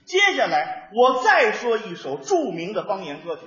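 A high-voiced man does stage crosstalk in a playful, animated way, his voice bouncing and bright. His tone swings widely as he teases his partner. The sound is echoey and a little dull, as if picked up on a theater stage. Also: moderate pace. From Beijing. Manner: playful, animated, mimics dialects and sings. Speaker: lead crosstalk comedian.

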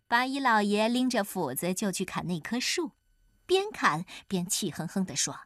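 A woman narrating a children's folk tale in an expressive storytelling manner. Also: mid-range voice, normal speed, no echo.

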